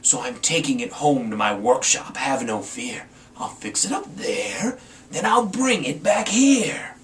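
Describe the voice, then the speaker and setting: A man's voice: mid-range voice, animated, unhurried, a bit bright. A man voicing a sly, grumpy Christmas monster, theatrical and gloating, in a storybook reading. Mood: slick false sweetness. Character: sly, gleefully nasty Grinch, grumpy scheming Christmas monster. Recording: distant mic, faint background noise.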